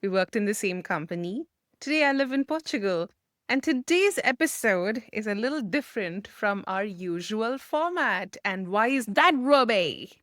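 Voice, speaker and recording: A woman's voice: medium pitch, lively intonation, normal speed, fairly bright tone, no echo, studio quality. A woman born and raised in India, co-hosting a podcast and telling stories in a chatty, enthusiastic way. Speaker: podcast co-host. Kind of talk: casual chat.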